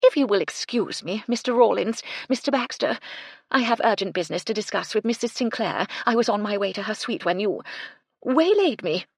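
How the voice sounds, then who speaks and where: A woman's voice: medium pitch, animated, a little fast, vocal fry, slightly rough, dry recording, clean studio sound, voice pushed up. A woman reading the part of a haughty, genteel older widow who speaks with prim indignation.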